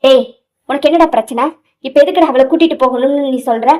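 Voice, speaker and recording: A woman's voice: sits high, expressive, brisk. A woman voicing a hot-tempered young husband who demands answers, in an audio novel. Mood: heated. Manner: shouting, demanding.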